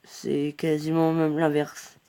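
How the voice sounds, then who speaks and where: Casual gameplay commentary, rambling, hesitant, reacting aloud, middle-pitched voice. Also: monotone, slow pace, warm tone, smooth. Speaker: mobile game player.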